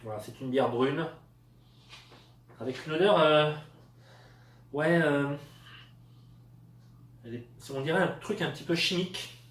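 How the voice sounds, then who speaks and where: Casual male reviewer from France, halting delivery full of fillers, somewhat high voice, echoey room, off-mic. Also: fairly bright tone, recorded from a distance. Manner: hesitant, many fillers. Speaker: product tester.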